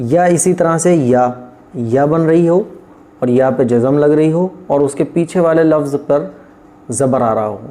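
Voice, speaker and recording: A middle-aged male teacher explains a Quran reading lesson. His voice is soft and mellow at an average pitch. He goes over every rule again and again and recites letter drills at a slow, even pace. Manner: repetitive, patient, drills letters one by one.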